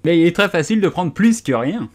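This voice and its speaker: A smug, rude hatter, as a man puts him on in a storybook. Louder and a little higher than the narration, bossy and quick with a quibble. Lively in pitch.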